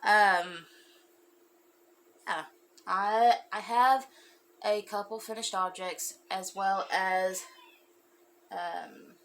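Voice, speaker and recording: A woman's voice: mid-range voice, fairly even intonation, extremely slow, pauses often, fairly bright tone, slight background noise, low-quality recording. A woman hosting a crafting podcast, chatting casually with lots of fillers, and sounding a bit congested. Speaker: podcast host. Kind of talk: casual chat.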